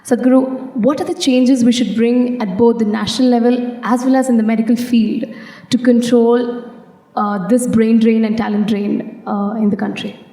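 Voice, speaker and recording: A young woman reads a prepared question, pausing on fillers. Her voice is fairly high and mellow. It carries the long reverb of a large hall. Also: level tone. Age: young adult. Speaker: student asking a question.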